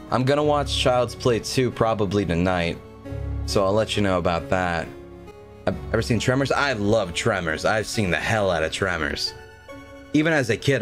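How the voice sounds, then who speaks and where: A young man chatting casually on a livestream, rambling informally as he tells stories. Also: fairly low pitch. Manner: rambling, informal storytelling with swearing. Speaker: game streamer. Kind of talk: casual livestream chat over gameplay. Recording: game music behind the voice. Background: game music.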